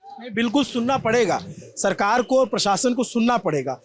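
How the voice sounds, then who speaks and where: A man's voice: very high-pitched, lively intonation, brisk. Impassioned man reporting from the scene. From Prayagraj, India. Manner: impassioned, emphatic, rhetorical. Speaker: field reporter. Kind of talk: on-site news report. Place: at a damaged shop after a crowd crush.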